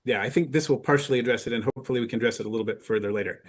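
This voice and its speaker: Measured male conference presenter. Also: medium pitch. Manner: measured, explanatory, with frequent "uh" fillers. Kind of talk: presentation to teachers.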